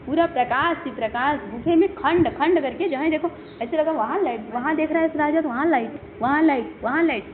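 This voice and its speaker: A woman with a high, bright voice teaches a Sanskrit lesson, spinning the story with lively, acted-out speech. The sound is narrow and phone-like, with a faint hiss under it. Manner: animated storytelling, acts out quoted speech. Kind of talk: storytelling lesson explaining verses.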